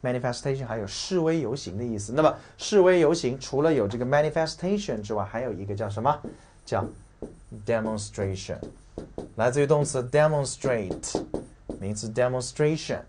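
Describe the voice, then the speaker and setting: Blunt, husky-voiced male vocabulary teacher. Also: medium pitch, lively intonation, a little mellow. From China. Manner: brash and blunt, swears casually, mocks and rants mid-lesson; drills spellings and stress slowly, repeating key words. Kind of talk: recorded exam-prep vocabulary lesson.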